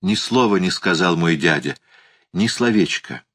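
A man narrating a classic adventure novel as an audiobook, in a measured, plain storytelling manner. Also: sits low, expressive, a bit bright.

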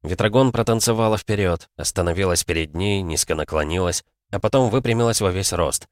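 Deep-voiced man narrating a story. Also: a little fast, no room sound, studio quality. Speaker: audiobook narrator. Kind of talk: scripted fantasy narration.

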